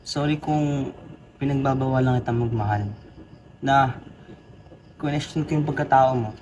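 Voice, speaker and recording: A man's voice: mid-range voice, fairly even intonation, unhurried, darkish tone, dull audio, a little hiss or hum, close to an everyday voice. A young man playing a protective older brother and grieving lover in a short drama film, speaking earnestly and with strong emotion. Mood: tender. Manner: earnest, emotional, polite to elders. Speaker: lead actor in a short film. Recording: music score behind the voice.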